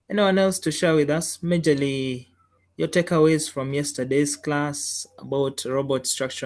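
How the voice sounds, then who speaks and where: A man hosting an online engineering class on a video call, welcoming participants and politely thanking each one. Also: mid-range voice.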